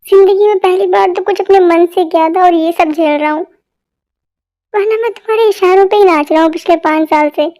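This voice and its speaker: A woman voicing a patient, teasing young husband in an amateur fan dub, speaking softly and coaxingly. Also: very high-pitched, fairly even intonation, fairly quick. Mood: exasperated.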